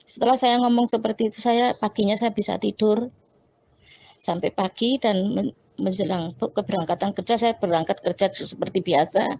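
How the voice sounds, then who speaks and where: A woman's voice: medium pitch, steady tone, normal speed, dark tone. A woman, telling a personal testimony with quoted dialogue and frequent restarts. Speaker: testimony speaker. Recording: dull lo-fi recording.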